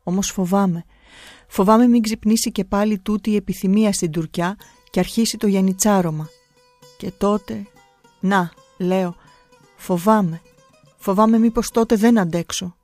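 A woman's voice: medium pitch, long pauses, a little mellow, no room sound, faint music behind, natural voice. Storybook boy, defiant but scared, pleading hard; woman reader. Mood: fearful. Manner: earnest, vehement pleading.

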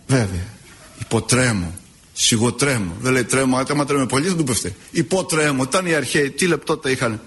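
A man preaching a sermon as an Orthodox preacher, telling stories in an expressive, drawn-out way. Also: medium pitch. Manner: expressive, drawn-out storytelling delivery.

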